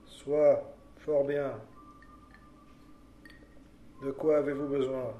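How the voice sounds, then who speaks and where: A man's voice: mid-range voice, flat delivery, measured pace, dark tone, highs cut off, close to an everyday voice. A man playing a world-weary oracle in an audio drama, speaking cryptic pronouncements in a solemn, prophetic manner. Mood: grave, disdainful. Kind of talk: French audio drama acting. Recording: echoey room, faint background noise.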